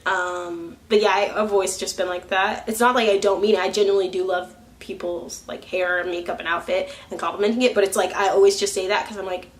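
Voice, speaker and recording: A woman's voice: mid-range voice, steady tone, quick pace, few pauses. Young woman rambling in a casual vlog, laughs a lot, does little voices for other people. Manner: chatty, laughs often, acts out what others say; talks while curling her hair. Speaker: vlogger. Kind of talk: candid personal vlog.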